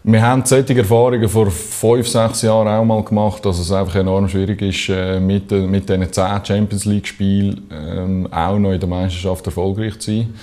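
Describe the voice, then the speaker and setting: A young man with a Swiss accent speaks in a low, dark voice. He answers as an athlete in a studio interview, choosing his words in a measured, halting way. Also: flat delivery. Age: young adult. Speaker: professional handball player, team captain. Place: small TV studio.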